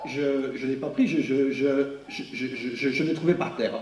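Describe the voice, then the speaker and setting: A very high-voiced silly clown of a fisherman in a children's puppet comedy. He is clumsy and exclaims a lot, stammering when flustered. The sound is echoey and distant. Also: animated, normal speed. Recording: echoey room, distant microphone.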